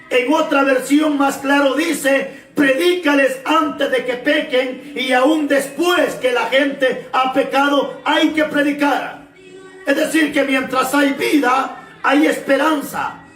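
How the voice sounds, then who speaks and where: A man preaching a fervent sermon, repeating phrases and often shouting. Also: extremely high pitch, fairly even intonation, slow, roomy sound, recorded from a distance, faint music behind. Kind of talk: shouted Pentecostal-style sermon.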